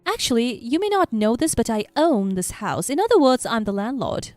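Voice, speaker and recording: A confident, assertive mother , as a woman narrator puts her on in a storybook reading. Her voice is somewhat high and lively in pitch. The sound is dry and close. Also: fairly quick, no room sound, faint music behind. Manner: cool, assertive. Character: cool, confident mother and landlord.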